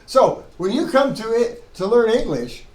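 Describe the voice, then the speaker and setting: A seminary Hebrew lecturer talks informally to a classroom of students, asking himself questions and correcting his own phrasing as he goes. His voice is extremely high, with big pitch swings, and he's unhurried. The recording has a roomy echo and clear background noise.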